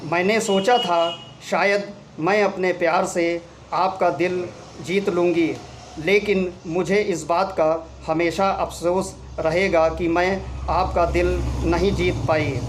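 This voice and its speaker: A heartbroken young wife saying a soft, apologetic goodbye in an audio story, voiced by a man. The delivery is slow and unhurried. A faint noise sits under the voice. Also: on the low side. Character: young wife writing a sad farewell letter.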